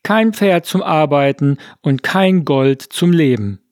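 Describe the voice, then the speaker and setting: A man voicing an agitated crowd of villagers in a storybook reading, with excited, lamenting delivery. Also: a little high, slow pace, no room sound, clean studio sound.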